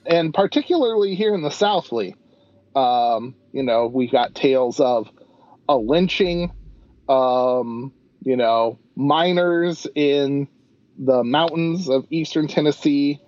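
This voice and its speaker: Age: adult. Sex: man. Role: podcast co-host. Style: casual, rambling chat. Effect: low quality backup audio stream. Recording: dull and lo-fi. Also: slow pace, darkish tone, dry recording. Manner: chatty and rambling, with many fillers.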